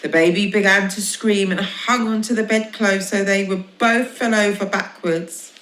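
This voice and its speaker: A woman reading a children's story aloud in a gentle, expressive way. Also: mid-range voice, moderate pace. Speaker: storybook reader. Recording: echoey room.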